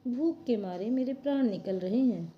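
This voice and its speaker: A woman's voice: a little high, normal speed, lo-fi sound, a little hiss or hum, close to an everyday voice. A woman voicing a hungry, gloomy male crocodile in a storybook reading for children. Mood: pleading.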